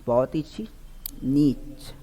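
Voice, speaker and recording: A male teacher gives an online exam-prep vocabulary lesson in a warm, mellow voice. He keeps firing questions at his students and answering them himself, repeating each answer. His voice rings with a long reverb, as if recorded in a large hall. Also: medium pitch, lively intonation, slow, breathy edge.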